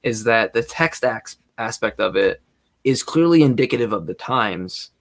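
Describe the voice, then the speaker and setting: A man co-hosting a casual podcast, reasoning out loud with hesitant restarts. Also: mid-range voice, lively intonation, normal speed. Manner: thinks aloud, hesitant, many restarts and fillers. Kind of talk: casual debate podcast chat.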